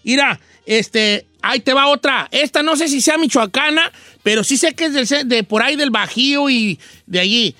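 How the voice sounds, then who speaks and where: A man with a western Mexican accent hosting a show in casual chat, playful and animated as he explains regional slang. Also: very high voice, normal speed, no echo, faint music behind. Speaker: radio show host.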